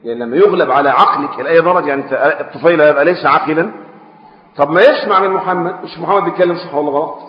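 A man preaching a religious lesson with an Egyptian Arabic accent. He explains classical texts in everyday speech, switching between loud emphatic stresses and quiet asides, and he puts questions to his audience. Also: fairly high pitch. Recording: echoey hall, dull lo-fi sound.

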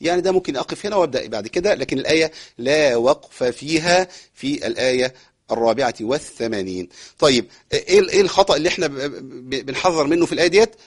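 Egyptian male recitation teacher, slightly high voice, brisk explainer who shifts into slow chanting. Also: lively intonation, slightly rough. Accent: Egyptian Arabic. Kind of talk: recitation lesson.

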